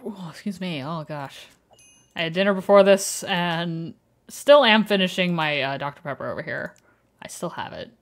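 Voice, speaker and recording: A woman's voice: lowish voice, expressive, normal speed. A woman giving casual let's-play commentary as a gaming streamer, chatty and self-mocking.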